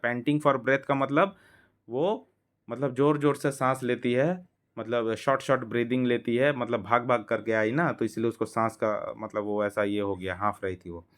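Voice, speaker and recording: A male teacher explains a children's story. He reads each line slowly, then explains it in Hindi and acts out the characters' lines. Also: mid-range voice, fairly bright tone.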